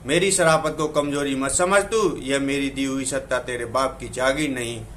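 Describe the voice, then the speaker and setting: A man's voice: medium pitch, steady tone, normal speed, fairly bright tone, a little hiss or hum, pitched below the performer's own voice, natural voice. A man reciting verse as a stern, all-powerful male deity, proclaiming in a solemn manner. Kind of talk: recited devotional poem.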